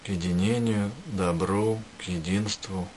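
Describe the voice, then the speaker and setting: A man giving a spiritual address to listeners, speaking in measured short phrases with pauses. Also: deep voice, steady tone, darkish tone, a little hiss or hum, low-quality recording. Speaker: spiritual teacher.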